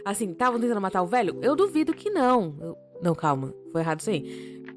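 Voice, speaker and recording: A young Brazilian woman tells a story on a podcast, casual and full of slang and swearing, her voice sitting at a middle pitch. Her loudness jumps up and down as she gets caught up in the tale, and faint music plays softly behind her. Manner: animated, slangy and profane, quick shifts in loudness. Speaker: podcast co-host.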